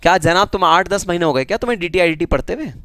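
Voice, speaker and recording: This GST teacher, a man with an Indian accent, runs a live online tax class, teasing students and replying to their comments conversationally. His high, slightly bright voice races along on a dry recording.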